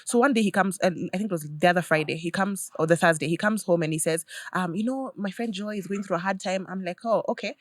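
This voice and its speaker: A woman talks quickly as a podcast guest. She slips in and out of her children's voices as she tells family stories. The sound is dry and close, with no room echo. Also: fairly low pitch. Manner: animated storyteller who acts out her kids' lines. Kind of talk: casual conversation.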